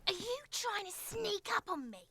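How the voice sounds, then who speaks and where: A woman voicing a paranoid, hostile woman who spits accusations at a cop in a shrill, spiteful tone. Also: very animated, moderate pace, bright, forceful tone, full character voice.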